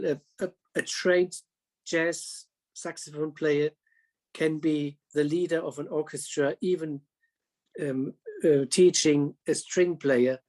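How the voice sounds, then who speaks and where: A man moderating a panel talk, speaking haltingly with many restarts and slightly non-native phrasing. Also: on the high side, darkish tone.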